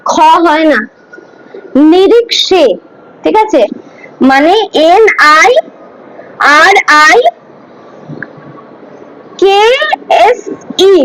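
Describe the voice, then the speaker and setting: A woman with a very high voice leads a class through scripture pronunciation. She speaks slowly, drilling each syllable patiently and having students repeat after her. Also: low-quality recording. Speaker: Gita teacher. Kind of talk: slow pronunciation lesson.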